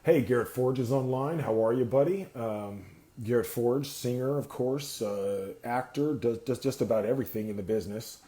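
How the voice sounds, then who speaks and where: A man's voice: mid-range voice, normal speed, dark tone, roomy sound. A man from California hosting a casual live talk show, rambling and filling time with many "uh"s while he waits for guests. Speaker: host. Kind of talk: casual livestream chat. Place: indoor room, seated on a sliding chair.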